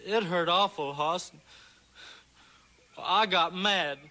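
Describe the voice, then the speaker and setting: An actor playing a simple-minded, childlike, remorseful hunted man in a 1960s TV western, with halting, rustic American speech. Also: high voice, bright, forceful tone, full character voice. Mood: pleading, agitated. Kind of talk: 1960s television western acting. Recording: old TV soundtrack with music underneath.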